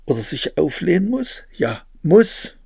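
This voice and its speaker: A man voicing a rebellious, hot-tempered teenage boy in a read-aloud memoir, with a gravelly voice. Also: a little high, sing-song, unhurried, darkish tone, no room sound, studio quality, pitched above the performer's own voice, heavily acted. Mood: scornful.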